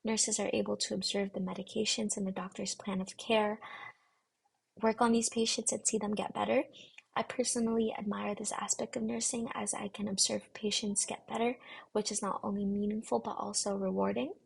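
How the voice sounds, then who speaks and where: Gravelly breathy young woman, flat delivery. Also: mid-range voice, normal speed. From Philippines. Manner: earnest, formal, rehearsed delivery. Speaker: nursing program applicant. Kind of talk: prepared interview answers.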